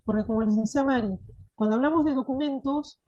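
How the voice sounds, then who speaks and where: A woman with a high, dark-toned voice speaks fast in a dry recording with dull audio. As a course instructor giving an online teacher-training lecture, she explains things and keeps asking "¿sí?" to make sure listeners follow.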